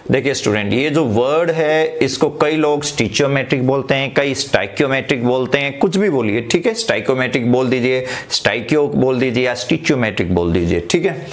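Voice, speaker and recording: Slow-speaking chemistry teacher. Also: male voice, mid-range voice. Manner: addresses students often, checks with "ठीक है?"; slows right down to dictate headings. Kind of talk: online class lecture.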